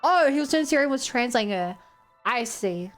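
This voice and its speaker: A woman's voice: on the high side, animated, normal speed, a bit bright. A woman streamer playing a video game live, commenting and reading dialogue aloud. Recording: game music behind the voice. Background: game music.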